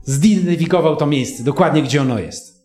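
A man in his fifties from Poland preaches a sermon and tells a personal story in an earnest, emotional way. He often turns to speak straight to his listeners. His voice sits a little high for a man and rings in a roomy, echoey space. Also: moderate pace, darkish tone.

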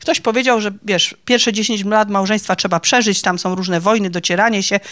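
A woman's voice: medium pitch, fairly even intonation, moderate pace, a bit bright. A woman giving a personal faith testimony to a group of women, chatty and confiding, laughing at her own stories. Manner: chatty and confiding, ends phrases with "nie?".

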